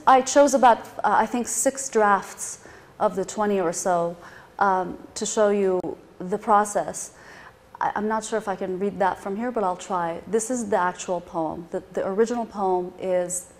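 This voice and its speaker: A middle-aged woman with a mid-range voice, a Persian-speaking translator born in London who grew up partly in Iran, gives a thoughtful, explanatory talk to a live audience at a reading event. She often pauses on "uh" and "um."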